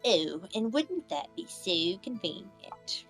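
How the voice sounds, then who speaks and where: A woman's voice: mid-range voice, big pitch swings, takes it slowly, music in the background. A woman voicing an earnest young male defense lawyer in a game playthrough, with dramatic, accusing delivery.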